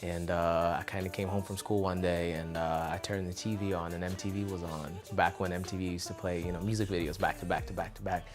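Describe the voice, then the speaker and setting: A young man from Russia, a musician, talking casually in an interview, relaxed and rambling with lots of fillers. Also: sits low, fairly quick, hardly any pauses, over music.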